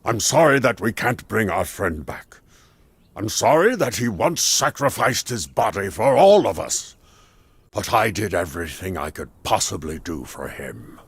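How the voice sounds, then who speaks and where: A deep, husky wise mage. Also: male voice, sing-song, no echo, full character voice. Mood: firm. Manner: measured, explanatory. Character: wise calm male mage, patient explainer. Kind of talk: game cutscene dialogue.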